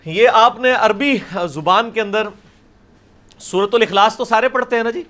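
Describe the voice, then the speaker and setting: In an indoor lecture room, a middle-aged religious teacher works at a blackboard, explaining patiently and posing questions to the audience. His voice is high and a bit bright.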